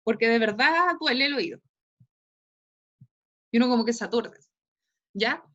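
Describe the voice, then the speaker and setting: A Chilean woman teacher lectures her online class in a fairly high voice and checks in with a rising tag after nearly every phrase. Her audio comes through dull and lo-fi. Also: lively intonation, a little slow, a bit bright. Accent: Chilean Spanish. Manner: tags nearly every phrase with a questioning "¿cierto?" or "¿ya?".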